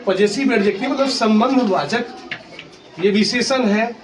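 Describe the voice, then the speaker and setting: A male teacher with a high voice speaks a little slowly through a grammar lesson in a school classroom. Step by step, he raises questions, answers them himself, and spells out words letter by letter. The recording is distant, with background noise clearly present.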